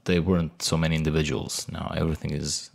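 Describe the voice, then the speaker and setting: Deep gravelly man hosting an interview. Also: flat delivery. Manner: curious, halting questions. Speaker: podcast host. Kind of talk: casual interview.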